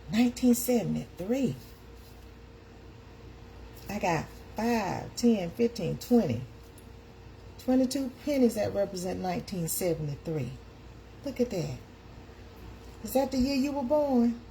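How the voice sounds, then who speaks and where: A woman's voice: mid-range voice, lively intonation, a little slow, vocal fry, pauses often, warm tone, a little hiss or hum. A woman, hosting a casual live chat and calling out to her viewers. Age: 50s. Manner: chatty, calls out to viewers. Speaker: live stream host.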